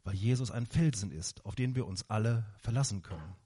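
A man voicing a kind, patient old candy maker gently explaining things to his granddaughter. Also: lowish voice, a little fast, husky. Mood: musing.

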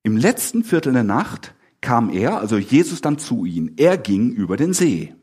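Male preacher. Slightly husky, very animated delivery. Talks to his congregation conversationally. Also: medium pitch, moderate pace. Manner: animated, asks the congregation questions, acts out the disciples' lines. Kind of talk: lively conversational sermon.

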